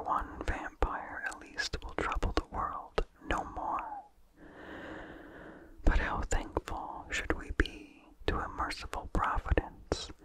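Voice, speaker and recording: In a poorly recorded ASMR clip, a reader takes a slow, deliberate pass through a vintage horror story. The delivery is a breathy, hushed whisper with faint mouth sounds.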